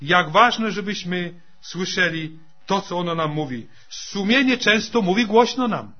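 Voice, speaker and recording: A man's voice: sits high, expressive, unhurried, highs cut off. A man preaching a sermon to his congregation, repeating his points with emphatic calls and addressing them as brothers and sisters.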